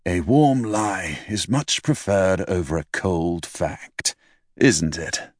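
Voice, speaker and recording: A man voicing a frail, wry old retired doctor with a raspy voice and dry, unhurried replies. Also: low-pitched, no echo.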